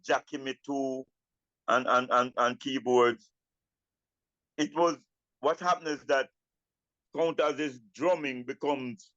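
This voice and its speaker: An older Jamaican man talks in Rastafari speech at a very slow, deliberate pace, repeating phrases as he reflects. The sound is roomy and a little muffled. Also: mid-range voice, fairly bright tone. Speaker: interviewee, Rastafari elder and drummer. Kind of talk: reflective interview talk.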